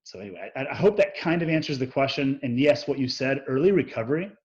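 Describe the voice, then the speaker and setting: A man tells his own story as an interview guest, candid and unfiltered, with frequent swearing. He slips into lively re-enactments of what people said to him. The audio sounds slightly dull and lo-fi. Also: medium pitch, quick pace. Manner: profane, animated, acts out quoted dialogue.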